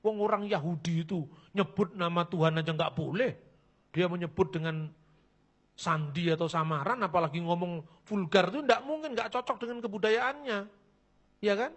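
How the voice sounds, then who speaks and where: A man giving a lively religious talk, blunt and mocking, acting out the people in his stories. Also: high-pitched, normal speed. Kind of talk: lively lecture with anecdotes.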